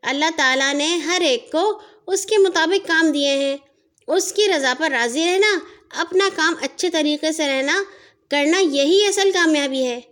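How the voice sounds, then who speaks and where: A woman voicing a gentle, wise female key in a children's audio story, patiently explaining. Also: very high-pitched, voice pushed up. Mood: teaching.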